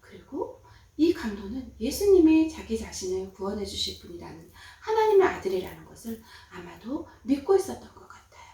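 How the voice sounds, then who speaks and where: Lively, high-voiced woman Sunday school preacher. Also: a little fast. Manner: animated, acts out quotes with dramatic emphasis. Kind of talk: children's sermon storytelling. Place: church. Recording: echoey room from far off.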